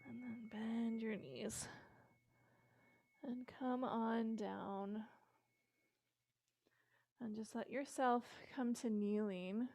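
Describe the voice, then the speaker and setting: Woman yoga instructor, unhurried and calm, gravelly edge, dry close sound. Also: on the high side, no echo. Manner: calm, slow, gentle guidance with casual fillers.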